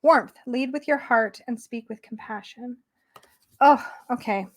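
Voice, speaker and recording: Flipping through a tarot deck, a woman chats casually in a fairly high voice at a measured pace. She gushes excitedly but sometimes drops into soft murmurs.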